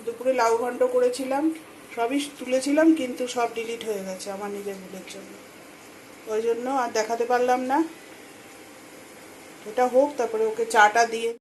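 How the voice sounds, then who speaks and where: A woman chatting to her viewers while cooking at home, speaking softly at times. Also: on the high side, steady tone, normal speed, pauses often, reverberant, slight background noise, poor audio. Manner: speaks softly so as not to wake the household. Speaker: vlogger. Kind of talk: casual home vlog narration. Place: home kitchen.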